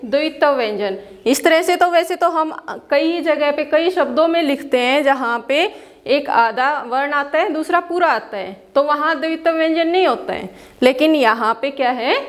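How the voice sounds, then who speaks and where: A woman's voice: high voice, moderate pace. A woman teaching a school class, explaining patiently, asking questions and answering them herself, and mixing English words into her Hindi. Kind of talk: classroom lesson.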